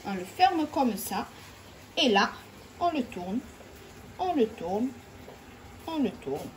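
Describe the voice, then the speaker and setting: Very animated yet slow-paced, a woman with a slightly high voice hosts a cooking video from her home kitchen, talking her audience through each step. The audio is poor, with a little hiss or hum.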